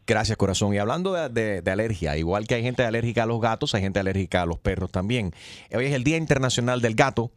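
A man hosting a morning radio show, briskly putting questions to callers and reading out listener votes. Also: lowish voice, dry recording. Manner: lively, prompting callers. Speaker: radio host.

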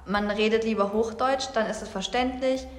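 A young woman from Saxony, Germany, with a slight Saxon accent chats casually in a podcast discussion, thinking aloud. Her voice is on the high side, steady in tone, at normal speed, in an echoey room with long reverb.

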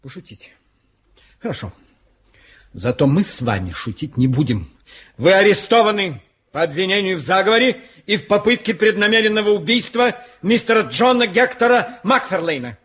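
An actor playing a gruff police inspector in a radio play, official and blustering in manner. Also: male voice, high voice, big pitch swings, moderate pace, fairly bright tone, heavily acted. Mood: stern, indignant. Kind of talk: theatrical radio-play dialogue.

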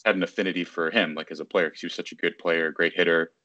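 A baseball journalist from Virginia in his thirties talks casually on a video call from his city apartment, rambling, using lots of fillers, and often correcting himself mid-sentence. His low voice races with fairly even intonation and a bright, forceful tone. The audio is dry and dull.

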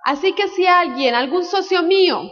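High-pitched female motivational speaker, short emphatic lines, dull sound with a hall echo. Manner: short emphatic phrases, pausing for the interpreter. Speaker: motivational speaker at a business convention. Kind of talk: stage talk, interpreted consecutively.

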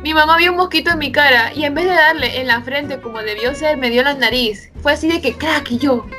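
A young woman co-hosting a casual chat, telling animated stories with laughs. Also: high voice, fairly quick, over music. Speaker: podcast co-host.

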